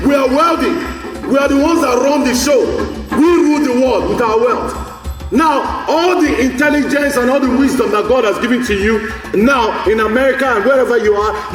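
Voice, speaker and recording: A man giving a rousing speech to a live audience at a forum, repeating lines and calling out to the crowd. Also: very high voice. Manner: exhorting, repetitive, calls out to the crowd. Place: large hall at a live forum. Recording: echoey hall, voice from a distance.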